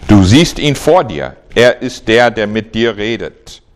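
Male reader as a deliberate, authoritative teacher; low voice. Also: expressive. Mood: solemn.

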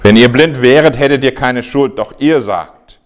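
A man reading as a calm, solemn Jesus. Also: mid-range voice, moderate pace, lightly acted. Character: Jesus, calm authoritative male teacher.

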